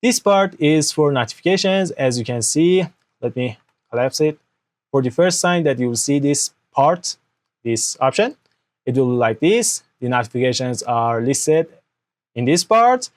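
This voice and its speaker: In a screen-recorded tutorial, a young man whose first language is Persian explains a computer walkthrough at his desk into an external microphone. His medium-pitched voice is expressive and measured in pace, and he keeps checking "okay?" while using non-native grammar.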